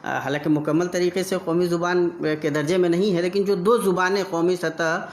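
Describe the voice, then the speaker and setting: A man from India hosting a live discussion, making his points in a deliberate, thoughtful way. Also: high voice, fairly even intonation, roomy sound, slight background noise. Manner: deliberate, thoughtful, measured arguing. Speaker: host.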